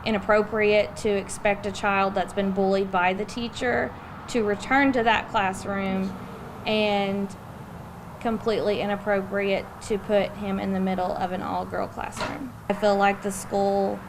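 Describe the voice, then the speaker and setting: A woman's voice: mid-range voice, level tone, measured pace. A woman giving a news interview as a concerned parent, recorded with noise behind her. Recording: clear background noise, vehicle sounds.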